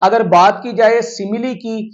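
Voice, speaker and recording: Man, English teacher, poem analysis lesson, methodical, slows for definitions, muffled lo-fi sound. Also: sits high, fairly even intonation.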